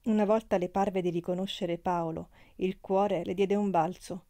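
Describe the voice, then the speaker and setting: A woman narrating an old novel as an audiobook in a measured, expressive reading. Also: on the low side, dry recording. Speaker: audiobook reader.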